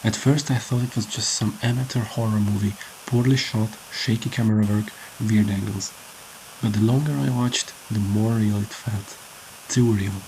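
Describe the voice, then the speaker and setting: A man reading a scripted horror story in the first person, with measured storytelling delivery. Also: fairly low pitch, fairly even intonation, a little mellow, slight background noise, rough recording. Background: prominent music under the voice.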